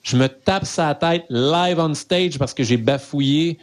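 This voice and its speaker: A man's voice: fairly high pitch, unhurried. A middle-aged man with a Québécois accent, a comedian chatting candidly as a podcast guest and poking fun at himself. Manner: candid, self-mocking, lively retelling. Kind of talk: casual podcast conversation.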